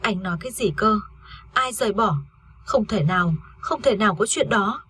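A woman's voice: medium pitch, normal speed, a bit bright, breathy edge. A woman reading a story aloud, voicing a grieving young wife who has lost her baby, in a tearful, pleading way. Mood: distraught.

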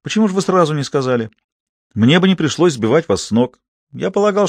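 A man's voice: fairly high pitch, no echo, pitched above the performer's own voice. A man voicing a coolly polite young deputy who mocks his opponent with icy courtesy, read in a dry, close recording. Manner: icily courteous, ironic.

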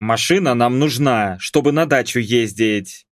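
A grumbling, stubborn middle-aged father from an audiobook, mumbling his complaints, as a male narrator plays him. He speaks slowly, in a dry, close recording. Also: medium pitch, no room sound, close to an everyday voice.

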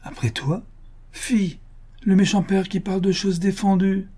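Man voicing a young loving daughter, raised pitch, husky undertone, storybook reading. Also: little pitch movement, moderate pace, warm tone. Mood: alarmed. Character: young woman, adoring, teasing daughter.

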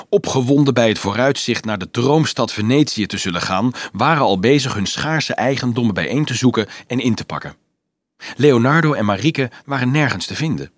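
A man reading a novel aloud in a calm, measured narration. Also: mid-range voice, breathy edge, no room sound. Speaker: audiobook narrator. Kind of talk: scripted narration.

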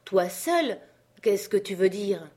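Woman doing a bossy feverish gentleman, loud and pushy, storybook voice. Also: medium pitch, very animated, slow, husky, full character voice. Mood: anxious. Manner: urgent, commanding. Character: feverish gentleman, commanding and impatient.

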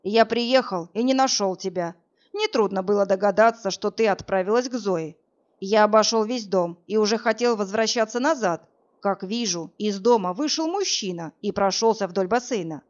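Woman doing a calm protective man, reassuring, steady, mid-pitched, dull lo-fi recording. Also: moderate pace, close to an everyday voice. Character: calm protective man, tough bodyguard type.

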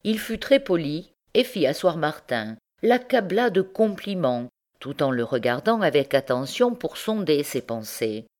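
Female audiobook narrator, low and deep-toned, expressive classic-novel reading. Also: measured pace, hardly any pauses. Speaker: volunteer audiobook reader.

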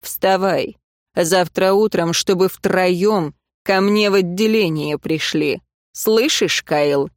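A woman reading an audiobook, voicing a gruff lawman who barks orders. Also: on the low side, slow pace, no room sound, studio quality. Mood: commanding. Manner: barking orders. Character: commanding male lawman, gruff.

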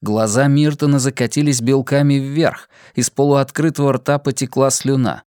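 A man giving a measured, expressive audiobook reading of a science-fiction story. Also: mid-range voice, clear, resonant tone, dry recording, clean studio sound. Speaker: audiobook narrator. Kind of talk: dramatic audiobook narration.

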